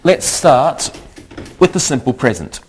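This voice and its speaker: A man teaching a scripted English lesson, speaking deliberately and repeating each word for learners. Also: medium pitch, sing-song, a little mellow, breathy edge.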